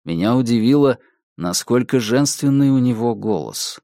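A man reads a dark story aloud in a measured, somber and dramatic way. His voice sits at an ordinary middle pitch for a man. The recording is dry, with no room sound around him. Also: animated, no echo. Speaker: audiobook narrator. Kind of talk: scripted narration.

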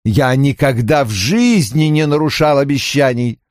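A man's voice: medium pitch, unhurried, a little mellow, no room sound, studio quality, natural voice. A man reading an audiobook, voicing a pushy, persuasive male businessman who keeps pressing his offer. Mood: bargaining. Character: pushy smooth-talking male businessman, insistent. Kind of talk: audiobook character voice.

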